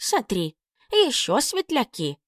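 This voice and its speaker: A woman's voice: fairly high pitch, huge pitch swings, slow, dry recording, voice pushed up, full character voice. A stubborn old witch who grumbles and sighs, never willing to concede a point, as a woman puts her on. Her voice comes over dry and close in a storybook reading. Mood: grumbling. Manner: grumbling, sighing.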